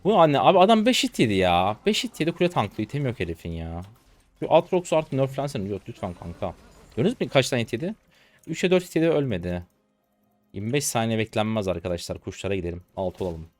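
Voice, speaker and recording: A hoarse man in his twenties giving slangy live commentary to viewers while he plays a game. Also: mid-range voice, big pitch swings. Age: 20s. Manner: rapid slangy chatter to viewers. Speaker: gaming streamer.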